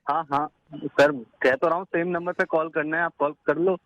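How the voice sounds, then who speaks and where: A man's voice: on the high side, fairly even intonation, moderate pace, a bit bright, dry recording. A man on a phone call who gets irritated with the caller and later apologizes. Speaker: prank call target. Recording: heard over a phone line.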